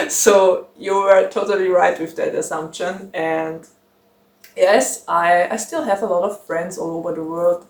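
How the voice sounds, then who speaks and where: A young German woman who hosts a book channel chats casually to the camera, speaking slowly in a lowish voice. She's giggly and rambling, with plenty of fillers, and the recording has a roomy echo.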